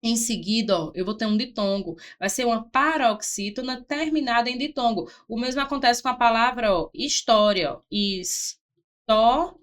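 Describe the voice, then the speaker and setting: Woman teaching, higher-pitched. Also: brisk, hardly any pauses, fairly bright tone. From Brazil. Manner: didactic, spells out syllables, frequent "ó" and "certo?". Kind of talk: exam-prep grammar lesson.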